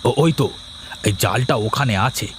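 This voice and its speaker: A man's voice: mid-range voice, moderate pace, noisy background, lightly acted. A man voicing a lazy young village husband who schemes to steal fish for card games. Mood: sly. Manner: sly, plotting muttering. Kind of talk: cartoon voice acting.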